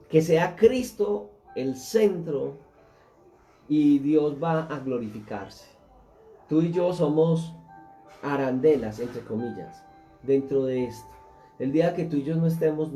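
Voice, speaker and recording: A man's voice: medium pitch, dark tone. A man, a pastor, teaching a Bible class and speaking earnestly, putting questions straight to his listeners.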